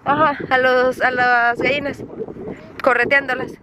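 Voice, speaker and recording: High-pitched woman vlogging outside, chatty, noisy background with animals and cars. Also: little pitch movement, measured pace. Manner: chatty, talks straight to viewers, calls out loudly to her dogs. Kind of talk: casual home vlog tour. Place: outdoors on a rural family property. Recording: noisy outdoor recording with animals and vehicles.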